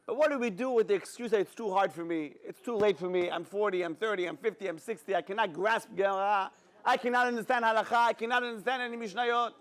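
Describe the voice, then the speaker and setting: A man giving a sermon as a rabbi, an animated storyteller who talks straight to his audience. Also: high-pitched, fast. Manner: animated storyteller, acts out dialogue, addresses audience directly.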